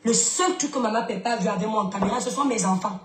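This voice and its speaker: A woman's voice: fairly high pitch, fast talker, roomy sound. A woman talking about her private life in a guarded, matter-of-fact way.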